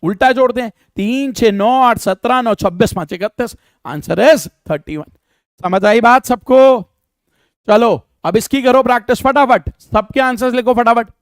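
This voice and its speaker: A man teaching a live online math class, drilling sums aloud, urging students to go fast, and answering their chat questions. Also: very high-pitched, no echo, studio quality. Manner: brisk, drills sums aloud and urges speed.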